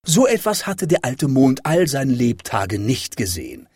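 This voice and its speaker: A man reading a children's fairy tale aloud with expressive, dramatic delivery. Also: medium pitch, unhurried, slightly rough, dry recording, studio quality. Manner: lively, dramatic rises and falls. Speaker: storyteller.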